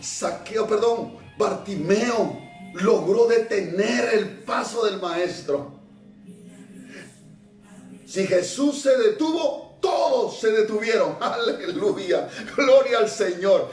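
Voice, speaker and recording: Casting: high-pitched Peruvian male preacher, fervent and exclamatory, distant echoey sound. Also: animated, takes it slowly, a little mellow. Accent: Peruvian Spanish. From Peru. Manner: impassioned, exclamatory. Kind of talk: sermon. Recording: echoey room, far from mic, faint music.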